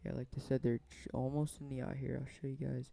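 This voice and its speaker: A man hosting a live stream, casually commenting on storm chasers with drawn-out awed exclamations. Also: mid-range voice, monotone, creaky, background noise.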